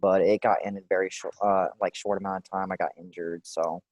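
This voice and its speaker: A man in his forties from Texas, answering questions in a clinical interview in a relaxed, hesitant way with many fillers. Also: low voice, fairly quick, no room sound. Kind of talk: role-play clinical interview.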